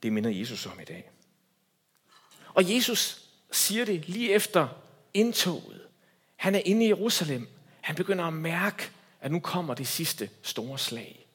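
A man preaching a sermon as a pastor, swinging between loud emphatic lines and hushed quiet ones. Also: on the high side, sing-song, breathy edge.

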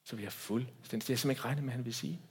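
Pastor guy giving a sermon, husky voice, goes loud then drops real quiet. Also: medium pitch. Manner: preaching with wide swings from loud to hushed.

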